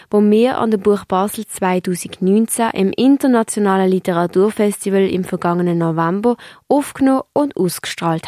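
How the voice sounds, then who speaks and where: A woman's voice: medium pitch, mellow, no echo, clean studio sound. A woman with a Swiss German accent presenting a radio program and introducing student stories. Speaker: radio host.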